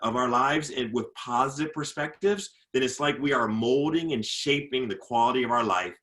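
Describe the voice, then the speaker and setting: In a casual interview, a man who works as a motivational speaker talks earnestly, often repeating words while he collects his thoughts. His tone is fairly bright, and when faith comes up he slows down and drops lower.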